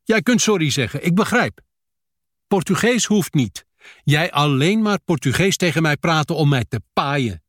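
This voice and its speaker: A prickly, sharp-tongued widow as a male reader puts her on, her voice pushed high and swinging up and down. She speaks in blunt, clipped broken phrases, in a dry, close sound. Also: animated, normal speed, no echo, natural voice. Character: fierce Brazilian widow in broken Dutch.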